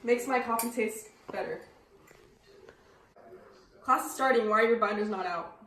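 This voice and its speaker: A woman's voice: a little high, normal speed, a bit bright, a little hiss or hum, lightly acted. A teenage girl playing a fussy male history teacher who lectures and gets exasperated, in an amateur school skit. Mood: chatty. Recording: echoey room, mic at a distance.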